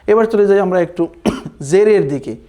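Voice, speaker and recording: Dark-toned man teaching Quran reading, unhurried, drills syllables, checks understanding often. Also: high-pitched. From Bangladesh. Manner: slow drawn-out recitation drills, then brisk explaining with "কেমন?" checks. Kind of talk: recorded online class.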